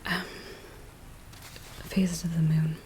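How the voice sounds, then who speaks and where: A woman acts an anxious, earnest village woman in a soft-spoken ASMR roleplay, briefing a werewolf tracker with a fearful warning. Her voice is low, breathy and whispering, slow, hushed, gentle and hesitant. Steady rain ambience plays behind her close, soft voice.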